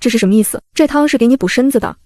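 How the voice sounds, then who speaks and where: A woman's voice: fairly high pitch, racing, a little mellow, no echo, clean studio sound, close to an everyday voice. A woman voicing a fawning, cowering young henchman in a storybook, pleading.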